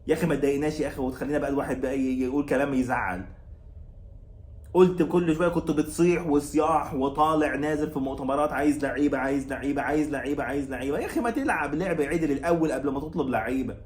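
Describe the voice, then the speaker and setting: A man with medium pitch and a slightly mellow voice, recorded with a roomy sound, hosts his own football channel in an Egyptian Arabic accent. He vents about a match in a sarcastic, heated rant, scolding the coach and repeating his complaints like an angry fan.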